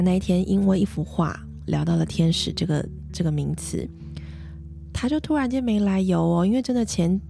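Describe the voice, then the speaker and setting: A woman, gently and reflectively telling a personal story as a mother, with many soft fillers. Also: fairly low pitch, gravelly. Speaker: mother and vlogger.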